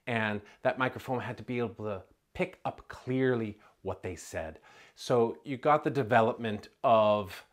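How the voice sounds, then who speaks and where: A man giving an explanatory video lecture on film acting, conversational, with asides and self-corrections. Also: fairly low pitch.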